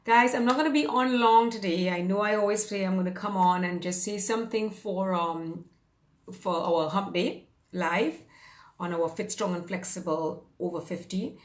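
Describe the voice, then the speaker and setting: A woman's voice: mid-range voice, moderate pace, echoey room. A woman in her fifties, a fitness and mindset coach, chatting casually and upbeat on a live stream, rambling with plenty of fillers. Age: 50s. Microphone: phone or webcam on a live stream.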